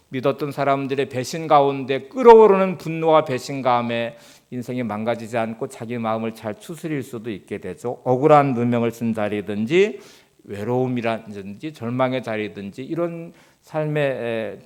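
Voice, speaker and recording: A man preaching a Sunday sermon as pastor, calm and explanatory, often posing rhetorical questions. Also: mid-range voice.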